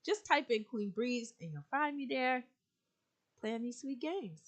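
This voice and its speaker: A woman's voice: fairly high pitch, expressive, measured pace. A woman co-hosting a casual gaming podcast, playful and giggly. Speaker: podcast co-host. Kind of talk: casual chat.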